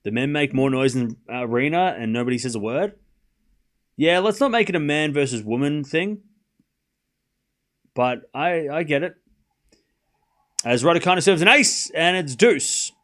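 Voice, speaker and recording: Hosting and commentating a livestreamed tennis watchalong, this man speaks with a mild Australian accent in a fairly high, somewhat bright voice. His pace is normal but he leaves long pauses, mixing casual talk with commentary and repeating phrases for emphasis.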